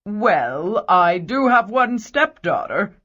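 A woman's voice: mid-range voice, very animated, slow, fairly bright tone, pitched below the performer's own voice, full character voice. A woman voicing a haughty, dismissive middle-aged stepmother in a children's storybook reading, on a slightly dull recording.

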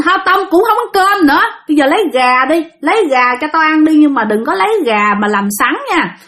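A harsh, rasping ghost of an old woman speaks through a possessed girl, as a woman storyteller puts her on, taunting and boastful. Her voice rides high and loud above the teller's own, with a lively swing in the pitch. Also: fairly quick. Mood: defiant. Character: ancient female spirit possessing a young woman, taunting.

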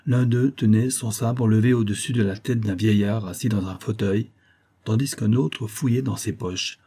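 A man narrating a classic novel as an audiobook reader, with a steady, measured storytelling delivery. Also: on the low side, husky.

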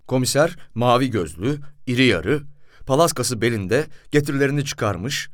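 Man, audiobook narration, expressive, animated pitch, dry close mic. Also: moderate pace, dry recording. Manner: expressive first-person storytelling. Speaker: audiobook reader.

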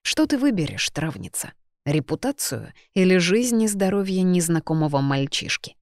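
Storybook figure: a woman reading a poised noble inquisitor, measured and quietly testing, in a low voice. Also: very animated, no room sound, clean studio sound. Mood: calm, testing. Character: cool, self-assured male inquisitor duke.

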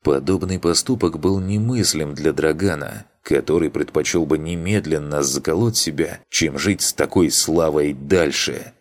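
Очень низкий мужской голос читает книгу. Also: male voice, rumbling low, normal speed, hardly any pauses. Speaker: audiobook narrator. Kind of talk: scripted audiobook narration.

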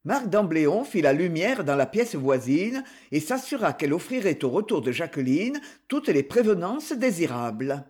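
Expressive male audiobook narrator. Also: fairly high pitch, moderate pace, hardly any pauses, breathy edge.

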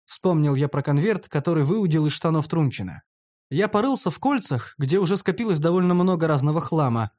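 An audiobook narrator telling a fantasy tale in the first person, with a dry, wry edge. The pitch moves a lot, lively and expressive from phrase to phrase.

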